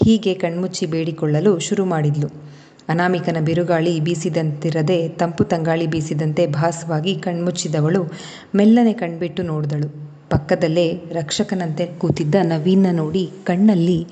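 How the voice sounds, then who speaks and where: A woman narrating a romantic family story in a measured, expressive way. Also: fairly low pitch, long reverb tail.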